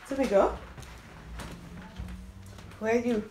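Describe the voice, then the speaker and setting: Filming a relaxed vlog at a relative's place, she rambles, uses lots of fillers and laughs readily, her phone mounted on a monopod a little distance off. Her fairly high voice is slow and warm, and the rough recording carries some hiss or hum.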